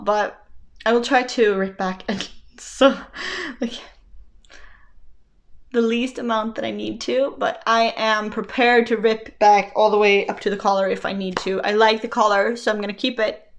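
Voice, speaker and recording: A woman talks casually through her knitting projects. Her pitch sits in a middle range. She laughs often and is quick to joke about her own mistakes. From Sweden. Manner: chatty, laughs often, self-deprecating. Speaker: knitting vlogger. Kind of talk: casual chat.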